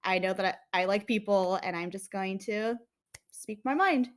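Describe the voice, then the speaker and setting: A young American woman speaks at a moderate pace with a medium-pitched voice. She's a guest in a casual interview, chatting loosely with lots of fillers and frequent laughter.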